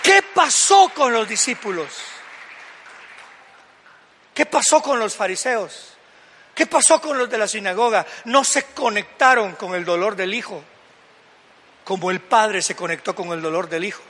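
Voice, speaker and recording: A man's voice: high voice, animated, a little slow, long pauses, sharp tone, long reverb tail, some chatter behind, slight background noise. An older man preaching a sermon as pastor, fervently acting out the voices he quotes. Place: church.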